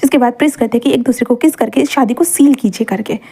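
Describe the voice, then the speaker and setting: A woman's voice: a little high, fast, warm tone, slightly rough. A woman storyteller narrating a romance story in a chatty, casual way, dropping English words into her telling.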